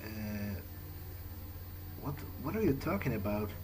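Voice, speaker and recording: A man with a lowish, sing-song voice talks at a slow pace over a noisy background. He's a let's player improvising in character as a brooding, guilt-ridden young male vampire, often repeating himself and hesitating, while video game ambience plays.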